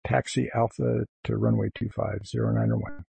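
A man's voice: fairly low pitch, flat delivery, normal speed, gravelly, dark tone. A man speaking as a pilot making radio calls to controllers, somewhat hesitant.

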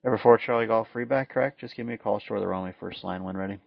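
A man's voice: fairly low pitch, very fast, vocal fry, no echo. A man working as an air traffic controller, giving clipped, procedural radio instructions. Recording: dull, lo-fi radio sound.

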